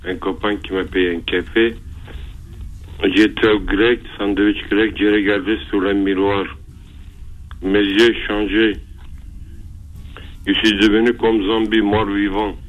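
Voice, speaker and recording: A man with a Turkish accent calling in to a radio show, speaking in halting, simple phrases. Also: fairly low pitch, flat delivery, phone-quality sound. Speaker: caller. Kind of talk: phone-in caller telling his story.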